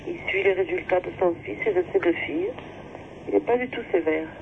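A woman's voice: lowish voice, animated, fairly quick, gravelly. A woman speaking matter-of-factly in a recorded testimony, listing things plainly about her husband. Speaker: interviewee's wife. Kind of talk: recorded testimony inserted into radio show. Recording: tinny phone-like line, distant, faint hiss.

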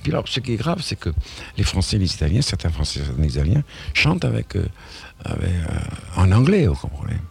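A man's voice: low voice, very animated, fairly quick, gravelly, a little mellow, slightly rough. A man being interviewed as a musician, talking in a rambling, indignant way with many restarts and asides.

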